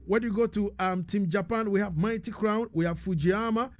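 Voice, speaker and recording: A man's voice: sits high, moderate pace, dry recording. A man hosting a radio interview in a studio, who often asks "you understand me?" as he talks. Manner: keeps asking "you understand me?". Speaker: radio host.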